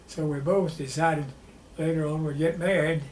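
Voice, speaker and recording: An old war veteran in his nineties with a Southern US accent remembers his life in a plainspoken, halting way during an interview. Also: on the high side, steady tone, a little mellow. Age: 90s. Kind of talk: personal reminiscence in an interview. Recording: roomy echo with faint background noise.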